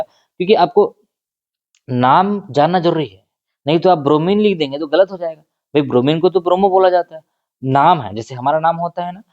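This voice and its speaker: A man's voice: fairly high pitch, a little mellow, lo-fi sound. Man teaching chemistry with constant questions. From India. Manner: asks the class questions and answers them himself; repeats key terms, mixing Hindi and English. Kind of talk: exam-prep lecture.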